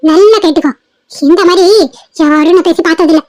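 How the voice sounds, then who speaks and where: A quarrelsome old cartoon grandmother, full of jabs and scolding, as a woman acts her out. Her voice sits very high and races along. The sound is dry and close. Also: fairly even intonation, darkish tone, dry recording. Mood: wailing. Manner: taunting, scolding, rapid. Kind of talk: cartoon family drama voice acting.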